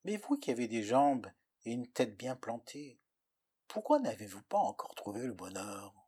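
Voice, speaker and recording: A man voicing a grumpy old man in a wheelchair in a spoken tale, with a croaking voice. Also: medium pitch, big pitch swings, moderate pace, warm tone. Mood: probing.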